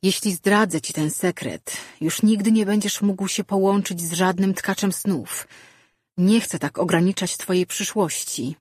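Weary troubled sorcerer, voiced by a woman, soft and slow. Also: mid-range voice, husky, dry recording, clean studio sound. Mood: gentle. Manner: soft, gentle, tired.

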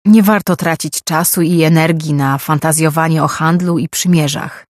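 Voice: medium pitch, steady tone, normal speed, no echo, lightly acted. Reader playing a haughty stern woman elder, curt, indignant, dry close audiobook sound.

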